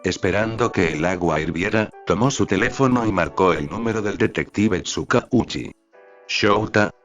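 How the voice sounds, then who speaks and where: A man narrating a fan fiction story in a steady, even reading voice. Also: low-pitched, normal speed. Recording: slightly dull audio with faint background music.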